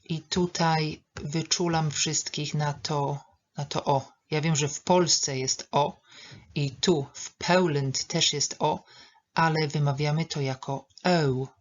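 Middle-aged woman as a pronunciation teacher: unhurried, deep for a woman, repeats each word with care. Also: fairly even intonation, highs cut off. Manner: patient, modelling English words slowly and repeating them. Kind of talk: online pronunciation lesson.

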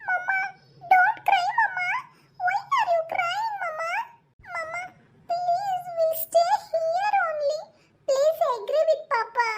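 A small, sweet girl in a cartoon who speaks in a slow, sing-song way. Her voice is squeaky and very high, and she talks slowly and tenderly to her parents. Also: full character voice. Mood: pleading. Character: sweet little girl, loving and tearful. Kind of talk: cartoon voice acting.

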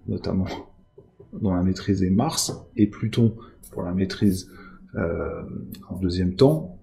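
A man's voice: lowish voice, warm tone. A man giving a spoken astrology lesson, explaining at length with frequent fillers and tags like "hein".

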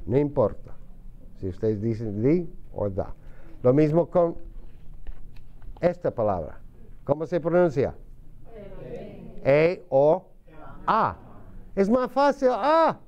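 A man teaching English to a class, patiently repeating words slowly for his students. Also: fairly high pitch, dark tone, highs cut off. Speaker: ESL teacher. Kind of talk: classroom lesson.

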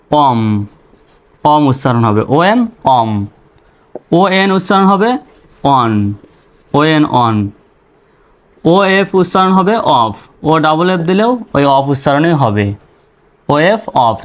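In slow, patient drills, a man with a Bangladeshi accent spells words letter by letter and then sounds each one out to teach English phonics. His pitch sits on the high side.

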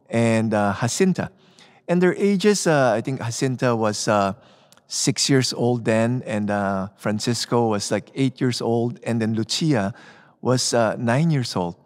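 A middle-aged man speaking as a priest from a church lectern, with cathedral echo around his voice. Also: medium pitch. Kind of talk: Gospel reading and homily from the lectern. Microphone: gooseneck lectern microphone.

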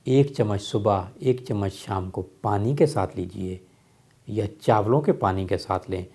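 A man from Pakistan explains herbal remedies in a steady, instructive talk, repeating his key phrases. His voice sits low and sounds mellow and relaxed, like a practitioner advising patients. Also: breathy edge. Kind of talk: health remedy advice talk.

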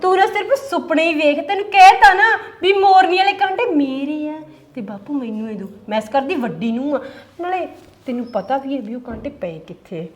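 A woman's voice: high voice, expressive, brisk. A woman with a Malwai Punjabi accent playing a scheming, boastful elder daughter-in-law who bickers and mocks. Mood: bickering. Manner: quarrelsome, mocking.

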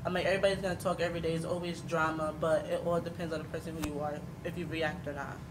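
Speaking into a handheld mic in a noisy meeting hall, a young adult American woman shares her experience as a young mother on a panel. She's candid and informal, hesitating often and saying "like" a lot, in a low voice with a level tone.

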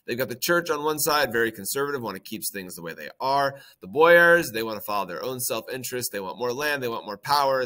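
Male teacher, bright clear tone, relaxed lecture full of ums and playful asides. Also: on the low side. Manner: conversational, with many ums and playful acted-out quotes. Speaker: history teacher. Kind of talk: casual lecture.

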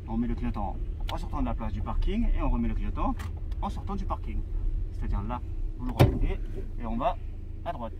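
A man working as a driving examiner, calmly giving casual instructions in a car, caught on a hidden mic. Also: mid-range voice, quick pace. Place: inside a small moving car. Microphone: hidden camera mic on back seat. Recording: muffled hidden mic, distant, loud car noise. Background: loud car and road noise.

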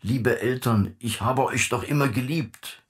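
A man reading an audiobook voices an anxious grown son, speaking in a hushed, strained way. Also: rumbling low, moderate pace, vocal fry, pitched below the performer's own voice, heavily acted. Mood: quiet farewell.

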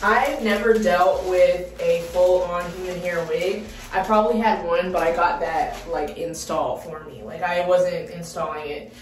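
A young woman chatting casually in a beauty vlog, excitable and full of dramatic exclamations. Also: on the low side, unhurried, few pauses, recorded from a distance. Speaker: beauty vlogger. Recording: roomy, mic set back, faint music.

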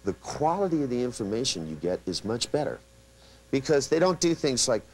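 Lively, animated male seminar trainer. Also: mid-range voice, a little fast, poor audio. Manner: animated storyteller who acts out quotes; many restarts and asides. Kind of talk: live seminar lecture.

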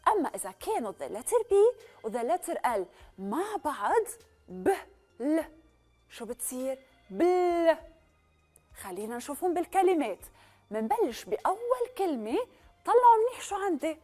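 Woman, Levantine accent, children's teacher, drawn-out pronunciation, very animated. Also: sits high, soft background music. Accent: Levantine Arabic. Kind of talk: children's language lesson.

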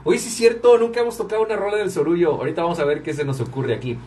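A radio and livestream host chats casually with viewers on a live stream, working the controls and running the music as he talks. His high-pitched, warm voice holds a steady tone and moves very fast. He's recorded from a distance.

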